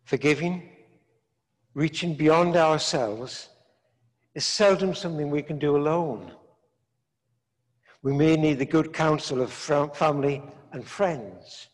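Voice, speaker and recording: An older man, a priest, preaching a sermon in slow, measured phrases with long pauses, recorded in a large stone church. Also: on the high side. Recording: echoey church from a distance.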